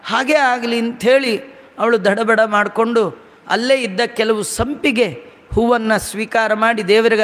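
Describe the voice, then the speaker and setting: A man with a very high voice tells a devotional story in an animated way, breaking into chanted verses. His voice rings with a long reverb from a large hall. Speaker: religious discourse speaker.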